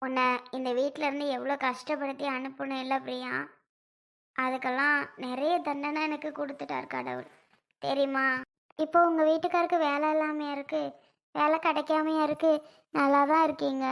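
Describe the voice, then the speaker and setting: A woman playing a sister-in-law who softly and tearfully apologizes in a family skit. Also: sits high, moderate pace. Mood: apologetic. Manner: soft, pleading apology. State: near tears.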